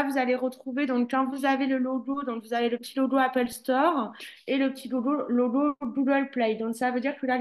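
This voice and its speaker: A woman trainer presenting a webinar, talking through it with many fillers and restarts. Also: on the high side. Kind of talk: online presentation.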